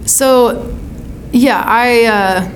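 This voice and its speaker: A woman's voice: a little high, extremely slow, a little hiss or hum, poor audio. An American woman from California answering as an interviewed songwriter, in a casual, thoughtful style with searching phrasing. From California, United States.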